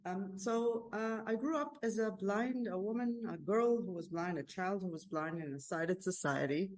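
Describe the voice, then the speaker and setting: A woman's voice: mid-range voice, normal speed, darkish tone. A woman with an Israeli accent, a guest on a podcast, speaking in thoughtful, hesitant phrases and often restarting.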